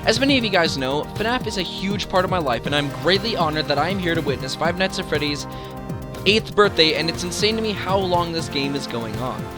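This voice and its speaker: This man hosts a video essay, narrating a scripted countdown with enthusiasm and dramatic emphasis. His voice is a little high, expressive, and brisk, recorded as a voice-over with background music.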